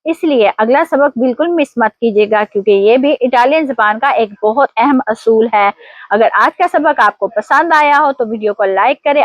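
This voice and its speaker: A woman teacher giving an online language lesson, explaining pronunciation rules slowly and quizzing her viewers. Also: a little high, no room sound, dull audio. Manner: slow, deliberate explanations with quiz prompts.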